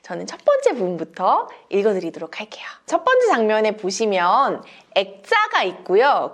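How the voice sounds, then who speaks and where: A woman teacher giving a lecture to other teachers, walking them through a picture book with animated, expressive storytelling. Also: mid-range voice.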